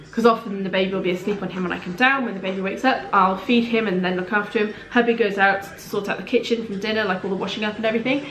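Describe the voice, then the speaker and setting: Chatty mum in an echoey room. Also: female voice, medium pitch, a bit bright. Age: late 30s. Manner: chatty and heartfelt, rambling asides. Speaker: parenting vlogger. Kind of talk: candid talk to camera. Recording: roomy echo in a home room.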